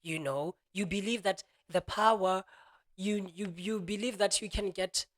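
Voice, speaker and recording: A man's voice: sits high, measured pace, fairly bright tone. Man musing, peppered with "you know". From Botswana. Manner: leans on "you know", acts out imagined voices in quotes. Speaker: self-help speaker. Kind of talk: reflective spoken monologue.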